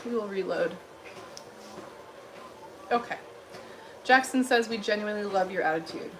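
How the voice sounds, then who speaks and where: A woman's voice: mid-range voice, moderate pace, a little hiss or hum, rough recording. A woman from Illinois hosting a casual livestream, reading chat comments in a blunt, dry, dismissive way while walking on a treadmill.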